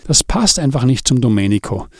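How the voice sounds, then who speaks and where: A man's voice: medium pitch, sing-song, fairly quick, husky, no room sound, clean studio sound. A man voicing Andi, a troubled, brooding adult man, in an audiobook. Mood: worried.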